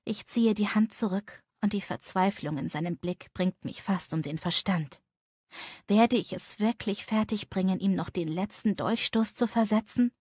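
Casting: woman narrator for a romance audiobook, breathy and intimate, dry close mic. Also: medium pitch, moderate pace, darkish tone, no echo. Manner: intimate, emotional.

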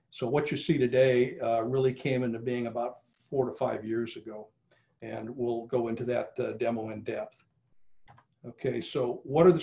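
A middle-aged genealogy presenter gives a casual online talk over a video call, his medium-pitched voice carrying a darkish tone. He uses many fillers and restarts, and the call audio sounds slightly dull.

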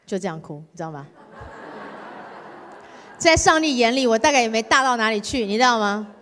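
A woman giving a sermon testimony, telling her story in a lively, dramatized way and acting out her own pleading. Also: fairly high pitch, fairly quick, slight background noise. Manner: animated storytelling, acts out her own whining. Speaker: guest preacher. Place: church sanctuary. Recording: church hall reverb.

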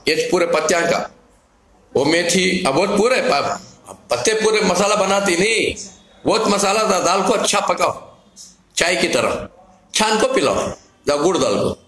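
A man explains home remedies as a herbal healer, talking slowly in a fairly high voice. He repeats each step plainly, and the room gives his voice a roomy echo. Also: fairly bright tone. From Karnataka, India. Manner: repetitive, plain step-by-step instructions.

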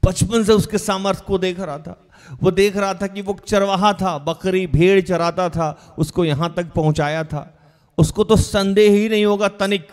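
A man's voice: fairly high pitch, a little mellow. A man preaching a sermon, telling a story with animation and asking his listeners questions. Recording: long hall reverb.

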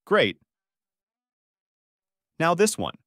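A man's voice: a little high, huge pitch swings, drawn-out words, a bit bright, no echo, studio quality. A man narrating a screen-recording tutorial, explaining each step plainly and in order.

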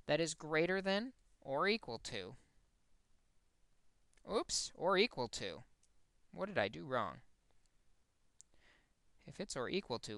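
A man explains a math lesson step by step, his voice smooth but a little gravelly at the edges. He is recorded close and dry, with no room sound around him. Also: fairly high pitch, fairly bright tone, no room sound. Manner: explains step by step, corrects his own slip. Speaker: math teacher.

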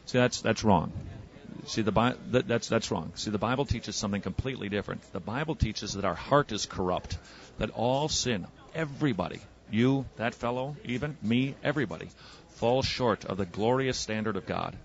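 Low-voiced man evangelizing outdoors, fast probing questions, muffled old radio recording. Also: vocal fry. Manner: probing, rapid-fire questioning. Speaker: street evangelist and radio host. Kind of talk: street debate. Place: outdoors on a city street.

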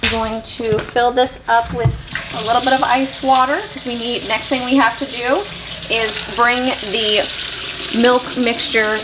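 In a very noisy clip, a thirtysomething homesteading vlogger chats to the camera while cooking in her home kitchen, explaining every step casually. She speaks at a measured pace in a fairly high, level-toned voice.

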